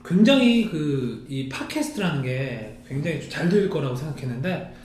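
A man co-hosting a casual podcast, trading playful jokes and quick exclamations with his co-host. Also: a little high, very animated, a little mellow, a little hiss or hum. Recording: roomy echo.

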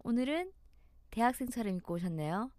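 A woman's voice: on the high side, sing-song, a little fast, a little mellow, no echo, clean studio sound. A woman reporter co-hosting a dating podcast, chatting in a playful, teasing way. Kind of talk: casual chat.

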